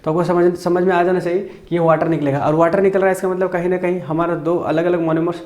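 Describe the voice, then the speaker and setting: A man from India lectures on chemistry in a recorded class, with a somewhat high but mellow voice. He works through each step, asks his own questions and answers them. The sound is roomy and echoey. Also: little pitch movement, dull audio. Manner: slows down and spells out formulas while writing. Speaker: chemistry teacher.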